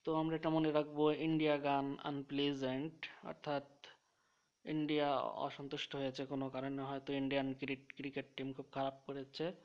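A man teaching English vocabulary through memory tricks, listing synonyms one by one in a methodical way and slowing down to read example sentences. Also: mid-range voice, completely flat delivery. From Bangladesh. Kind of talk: explaining English vocabulary with mnemonics. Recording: dull lo-fi recording.

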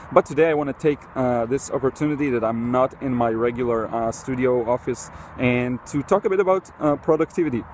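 A man talking casually to camera outdoors in an upbeat, loud way, recorded in low quality without a microphone. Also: a little hiss or hum. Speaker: artist and video creator. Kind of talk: casual vlog talk to camera.

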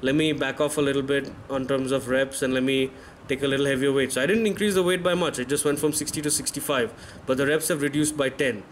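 A fast-talking man in his thirties with a medium pitch and fairly even intonation narrates his workout clips as a fitness vlogger. His candid voice-over, done away from the pictured gym, is self-correcting and carries a little hiss or hum.

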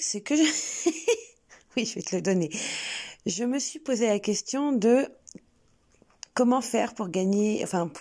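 Hesitant French woman with a mellow voice. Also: medium pitch. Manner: hesitant, many fillers and restarts; coos sweetly to her pet. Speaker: channel host. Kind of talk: spontaneous home video chat.

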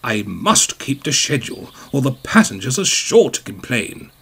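A man's voice: medium pitch, big pitch swings, moderate pace, gravelly, fairly bright tone, husky, exaggerated voice. A man voicing a pompous, huffy big male express engine. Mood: grumpy. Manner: huffy, self-important. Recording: music bed behind.

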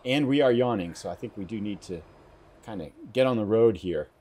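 Low-voiced man chatting through a game. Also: brisk. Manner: relaxed, chatty, thinking aloud while driving. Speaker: let's play host. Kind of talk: casual gameplay commentary.

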